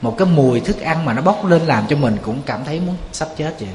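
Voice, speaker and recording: A man's voice: fairly high pitch, animated, fast talker, a little mellow, slight background noise. A man, a Buddhist monk giving a sermon, talking conversationally and putting rhetorical questions to his listeners. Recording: echoey hall with long reverb, faint ambience.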